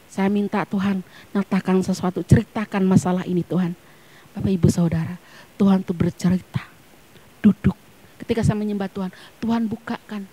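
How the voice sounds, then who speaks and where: A woman pastor from preaches a sermon at a church service. Her voice sits at a middling pitch. She is emphatic and fervent, dropping to hushed, almost whispered words and then rising to loud, urgent peaks. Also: fairly even intonation, a little fast, slightly rough.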